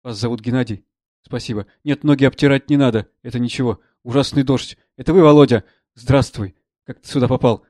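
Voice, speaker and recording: Polite, soft-spoken middle-aged professor in a read play, voiced by a man, gentle apologetic tone, dry sound. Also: medium pitch, fairly quick, no echo, natural voice. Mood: courteous. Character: mild, courteous middle-aged male professor.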